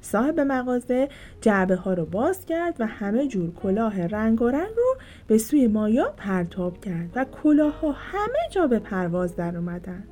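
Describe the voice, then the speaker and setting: A woman storyteller reading a children's storybook aloud in a gentle, expressive, sing-song way. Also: a little high.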